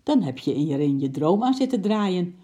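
A woman's voice: lowish voice, sing-song, normal speed, warm tone. A woman reading a storybook aloud, voicing a grumpy, sleepy husband who grumbles curtly. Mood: irritated. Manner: grumbling, curt.

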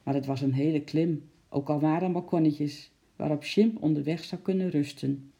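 Gravelly, dark storybook reader. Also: medium pitch, steady tone, normal speed. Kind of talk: children's storybook reading.

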